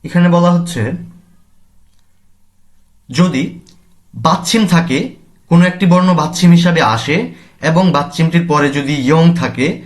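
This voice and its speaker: A man teaching a language lesson, reading each word aloud and then explaining its meaning and use. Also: a little high. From Bangladesh.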